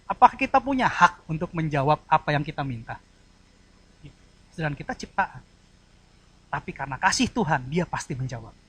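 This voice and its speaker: A man preaching a sermon in an animated, conversational way, acting out tones of voice and checking that the congregation follows. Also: on the high side, slightly rough. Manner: conversational, mixes colloquial asides into teaching.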